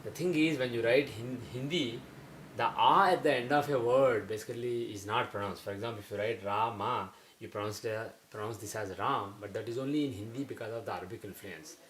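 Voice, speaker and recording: A man teaching a lesson, explaining carefully and slowing down to sound out example words. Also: mid-range voice, a bit bright, rough recording.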